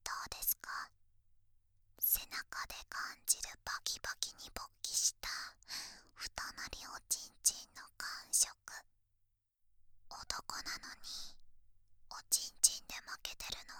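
A woman's voice: pushed and bright, dry recording, studio quality. A woman playing a smug, teasing succubus in an erotic ASMR whispered role-play, speaking right into the ear with mocking politeness. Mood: mocking, seductive. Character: smug teasing dominant succubus seductress, adult, sadistically polite. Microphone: very close, dry microphone.

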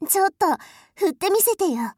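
In an adult audio drama, a woman plays a haughty, spoiled rich young lady who is bossy, cruel and scornful, her tone imperious and mocking. Her voice is very high and sing-song, moving at a quick pace through a very noisy recording.

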